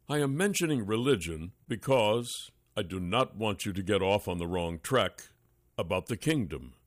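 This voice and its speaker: Low-voiced man reading an audiobook. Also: dry recording, clean studio sound. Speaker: audiobook narrator. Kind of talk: scripted audiobook narration.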